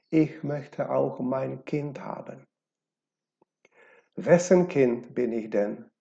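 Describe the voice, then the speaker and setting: A man reading a novel aloud as scripted narration, measured and unhurried. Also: medium pitch, creaky, dark tone. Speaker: audiobook reader. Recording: dull lo-fi recording.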